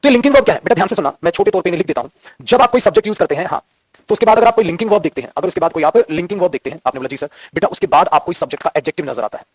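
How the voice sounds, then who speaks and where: Man, grammar tutor; rapid, husky, drills points by repetition and rhetorical questions. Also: high voice, animated, no echo. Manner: addresses students as beta, repeats key phrases, asks and answers his own questions. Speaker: English grammar teacher. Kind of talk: classroom grammar lesson in Hindi.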